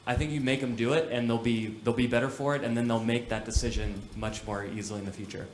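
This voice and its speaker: A man's voice: medium pitch, steady tone, fast talker. A man from the United States speaking on a conference panel, thoughtful and conversational, speeding up when he makes a point. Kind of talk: panel discussion. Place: conference stage. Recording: roomy hall with faint noise.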